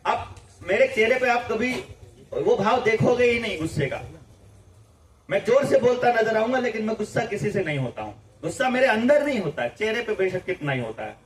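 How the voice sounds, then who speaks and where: A man's voice: high-pitched, sing-song, brisk. A man leading a campaign, speaking informally to a gathering, emphatic and repetitive, firing off rhetorical questions. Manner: emphatic, repeats phrases, rising rhetorical questions. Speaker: campaign leader addressing supporters. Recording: echoey room, voice from far off.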